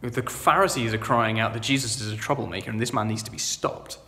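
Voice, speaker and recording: A man preaching a sermon, earnest and conversational, moving between loud proclaiming and quiet reflection. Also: on the low side, fast talker, long reverb tail. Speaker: vicar. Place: church.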